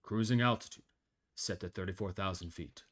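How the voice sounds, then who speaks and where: A man voicing a male airline captain who makes a formal, measured announcement over the cabin intercom. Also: sits low, fairly bright tone. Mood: grave, steady. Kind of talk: improvised comedy bit.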